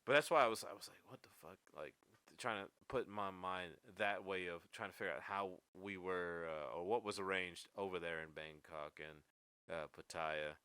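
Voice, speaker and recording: A man in his late twenties with a very low, bright-edged voice, rambling through a relaxed podcast chat. He swears freely and drifts from thought to thought. The sound is close and dry, with no room around it. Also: normal speed, clear, resonant tone, no echo. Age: 20s. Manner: rambling, laid-back, swears often. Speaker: podcast host. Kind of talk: casual chat.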